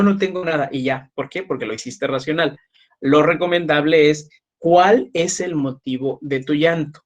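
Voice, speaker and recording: Man lecturing conversationally, slightly high. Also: muffled recording. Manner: conversational, repeats points, checks in with "¿ok?"; frequent fillers and restarts. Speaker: psychology lecturer. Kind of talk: recorded online class lecture.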